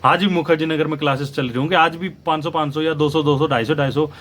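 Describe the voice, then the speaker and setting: A man's voice: a little high, steady tone, fast, a bit bright, a little hiss or hum. A young man giving opinionated, lecturing commentary straight to his viewers as a news channel host. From India. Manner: lecturing, argumentative, addresses viewers directly.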